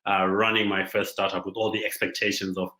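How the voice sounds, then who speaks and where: A man from Zimbabwe gives a conference talk in a measured, unhurried way, often pausing and filling gaps with small hesitations. His voice is low and bright, with a forceful edge. The room around him is echoey. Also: little pitch movement. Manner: measured, thoughtful, many pauses and fillers. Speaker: startup founder giving a talk. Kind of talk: conference presentation.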